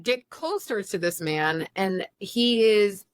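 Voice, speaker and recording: A woman's voice: mid-range voice, slow, smooth, no echo. Woman in her 30s, podcast host, rambly storytelling, does little voices, dry sound. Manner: animated storyteller, acts out quotes. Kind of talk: casual storytelling chat.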